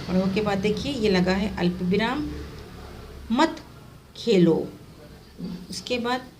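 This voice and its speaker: A woman teaching a primary school Hindi class, patiently explaining grammar to children and reading out examples slowly. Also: medium pitch, slight background noise.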